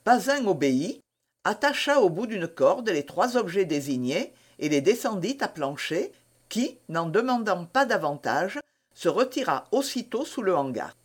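A reader narrating a classic adventure novel in an expressive way. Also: measured pace, slightly rough. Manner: expressive, varied pitch.

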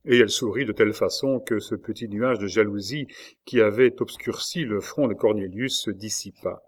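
A man narrating an audiobook of a classic novel in a measured, expressive way. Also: fairly low pitch.

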